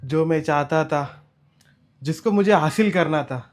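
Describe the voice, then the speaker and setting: A man plays a scheming younger brother-in-law in a home short film. His voice sits a little high, and he talks slyly, with a gloating edge. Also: measured pace, natural voice. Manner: sly, gloating.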